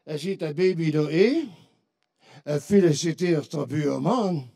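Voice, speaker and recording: Husky Limburgish man telling carnival jokes. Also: on the high side, measured pace, dark tone. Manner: tells punchline jokes, acting out quoted voices. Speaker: carnival stand-up comedian. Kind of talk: carnival joke routine.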